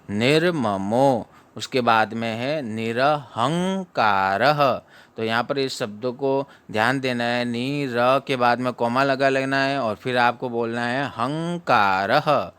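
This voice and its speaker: A man teaching recitation, sounding out syllables slowly and explaining briskly. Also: medium pitch, a bit bright, clear, resonant tone. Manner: chants verses slowly in a melodic tune. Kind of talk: recitation lesson.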